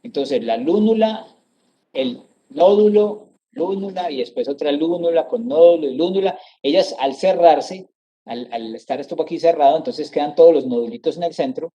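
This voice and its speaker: A man's voice: fairly high pitch, moderate pace, dark tone, lo-fi sound, a little hiss or hum. A middle-aged man giving an anatomy lecture over slides, explaining step by step, repeating terms and often checking with his students.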